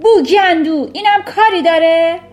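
A woman's voice: extremely high pitch, pitched above the performer's own voice. A woman reading a children's storybook aloud, voicing a furious, bullying headmistress who roars insults and barks commands. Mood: scornful yelling. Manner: roaring insults, barking commands.

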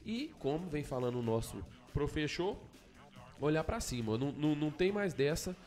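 A man giving informal football commentary, halting at times and repeating phrases for emphasis. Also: fairly high pitch, sing-song, a little mellow, faint music behind. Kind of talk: informal match preview commentary.

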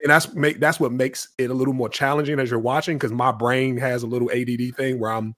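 A man's voice: medium pitch, fairly even intonation, quick pace, fairly bright tone, no echo. Laid-back man, dry close sound. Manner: laid-back, talks in loose run-on stories. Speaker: podcast co-host. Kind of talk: casual chat.

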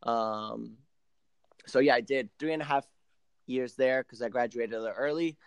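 In a casual interview, a man in his late twenties from Argentina, a native Spanish speaker and professional soccer player, shares his story as a podcast guest. His mid-range voice is clear and resonant, moving at a moderate pace, and the recording has no room sound.

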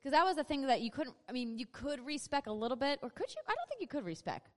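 A woman's voice: high voice, big pitch swings, quick pace. An American woman hosting a casual live panel, chatty and joking as she talks to the audience. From North Dakota, USA. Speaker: panel host. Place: large convention panel room with live audience. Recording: echoey hall, live panel PA.

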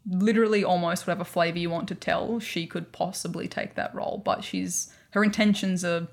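Brief: Australian woman podcast co-host, lower register with gravelly fry, rambling and chatty. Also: steady tone, fairly quick. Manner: chatty, rambling, laughs often. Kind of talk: casual explanatory chat.

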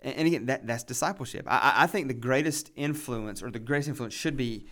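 A man's voice: mid-range voice, fast talker, fairly bright tone. A man with a mid-range voice speaks as a guest pastor in a casual podcast chat. He talks earnestly and often repeats words while working toward his point.

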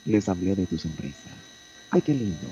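A man's voice: sits low, big pitch swings, normal speed, warm tone, dull audio, slight background noise. A man playing a flirty, sassy woman on a comic radio bit, teasing and affectionate as she calls everyone her love. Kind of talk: comic character on a radio show.

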